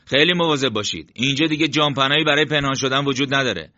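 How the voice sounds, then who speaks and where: A man voicing a young male squad leader, calm and commanding, giving urgent, clipped orders. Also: mid-range voice, no room sound, pitched above the performer's own voice, close to an everyday voice. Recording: dull, lo-fi dry sound.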